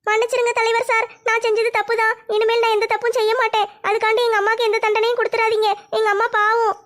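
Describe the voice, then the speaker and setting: A woman's voice: level tone, a bit bright. A woman playing a pleading village mother. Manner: pleading, apologetic, speaks fast and high. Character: tearful poor village mother, pleading and meek. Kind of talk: family comedy skit.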